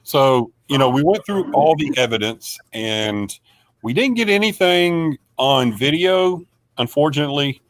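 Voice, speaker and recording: A man's voice: a little high, expressive, a little slow, no room sound. A man hosting a casual live stream recap of a paranormal investigation, rambling with lots of fillers. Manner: rambling, filler-heavy, friendly.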